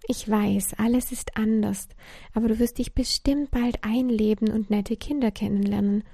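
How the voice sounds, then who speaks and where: A woman's voice: a little high, steady tone, moderate pace, gravelly, warm tone, dry recording, studio quality. A woman voicing a caring mother at bedtime in a story, speaking reassuringly.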